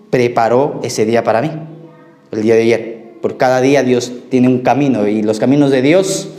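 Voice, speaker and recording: A man's voice: mid-range voice, a little mellow. A man preaching a sermon as pastor, telling stories and asking his congregation questions. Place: church. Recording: echoey church hall.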